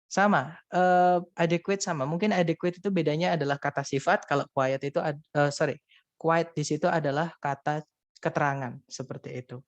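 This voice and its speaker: A man's voice: on the high side, steady tone, a little fast, dry recording, dull audio. A man teaching an English listening lesson in an online class, explaining step by step in a patient way with frequent fillers.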